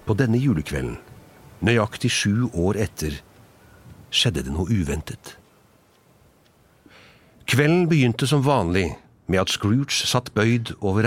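A man reading a classic story aloud as narrator, telling it in an expressive storybook way. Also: fairly low pitch, slight background noise.

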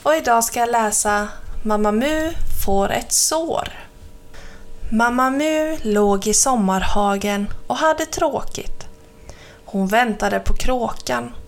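A woman reading a children's picture book aloud, calm and clear, as host of her own reading show. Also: a little high. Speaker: storyteller.

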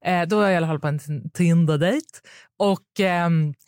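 A young woman with a Swedish accent, a podcast guest telling a dating story in casual chat, animated and swearing freely. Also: lowish voice, dry recording, clean studio sound.

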